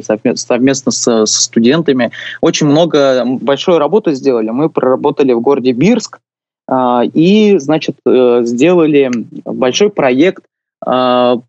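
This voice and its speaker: A man in his late twenties, a guest on a radio show, speaking earnestly with many pauses and fillers. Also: mid-range voice, darkish tone, no echo, muffled recording. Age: 20s. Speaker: guest, youth official. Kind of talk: radio interview.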